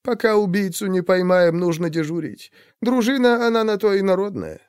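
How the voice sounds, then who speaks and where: A man voicing a mild, soft-spoken middle-aged man who talks in a hushed, gentle way. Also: sits high, expressive, normal speed, smooth, dry recording, clean studio sound, pitched above the performer's own voice.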